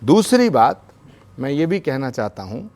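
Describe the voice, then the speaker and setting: A man speaking as a spiritual leader on a TV debate panel, measured and formal with devotional phrasing. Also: medium pitch, sing-song, noisy background. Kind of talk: TV debate argument. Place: TV studio.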